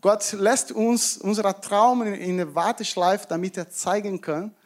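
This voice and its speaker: A man preaching to a congregation, retelling a Bible story in a lively way, acting out quotes and asking his listeners questions. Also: high-pitched, measured pace.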